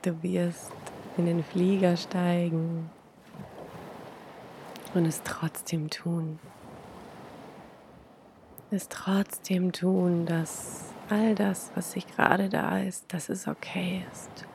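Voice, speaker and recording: Female meditation guide, sleep-story narration style: soft near-whisper, extremely slow, creaky, over steady background noise. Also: on the low side. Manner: hushed, breathy near-whisper, soothing, long pauses. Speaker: hypnotherapist leading a guided meditation.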